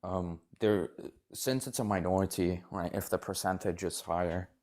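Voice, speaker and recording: A man with a very low voice argues bluntly on a casual debate stream. He swears freely and keeps checking that the listener is following him. His delivery is loose and conversational. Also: steady tone, normal speed, a little mellow. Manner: argumentative, keeps checking agreement.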